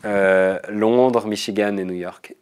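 A man in his thirties from Switzerland with a Swiss French accent, a guest telling stories in a casual interview, often pausing with hesitations. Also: fairly low pitch, fairly even intonation, clean tone. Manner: chatty, storytelling, frequent hesitations. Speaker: guest comedian.

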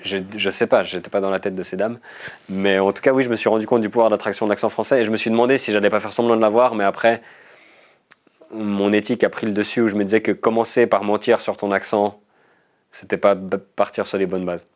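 A man in his thirties from Switzerland with a Swiss French accent, a guest telling stories in a casual interview, often pausing with hesitations. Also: on the low side, fairly even intonation. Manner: chatty, storytelling, frequent hesitations. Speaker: guest comedian.

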